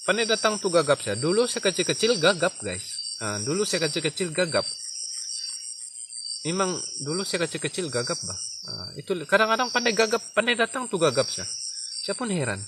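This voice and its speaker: A man's voice: high-pitched, big pitch swings, normal speed. A man with a Sabah Malay accent chatting casually to his livestream viewers, stammering and repeating himself in a self-mocking way. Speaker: livestream host. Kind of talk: casual live-stream chat. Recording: noisy night recording with crickets. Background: crickets and insects chirping.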